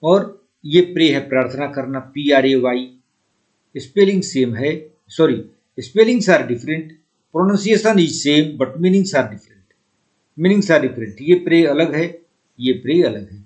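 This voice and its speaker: A man's voice: fairly high pitch, expressive, darkish tone. A man with an Indian accent teaching an exam-prep English lesson, switching between Hindi and English and repeating the key words. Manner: slow and deliberate when reading English sentences aloud.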